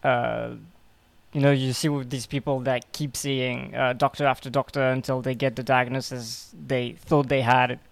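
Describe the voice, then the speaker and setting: A man in his twenties from Belgium, a podcast guest telling his story in a halting way, repeating words and filling pauses. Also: mid-range voice, level tone, creaky, clean tone, no room sound. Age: 20s. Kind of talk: casual interview.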